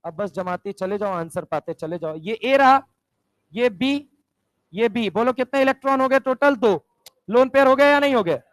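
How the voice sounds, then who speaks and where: High-voiced man drilling a chemistry class. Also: moderate pace, dry recording. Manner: drills students with repeated questions. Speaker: chemistry teacher. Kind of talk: classroom lecture.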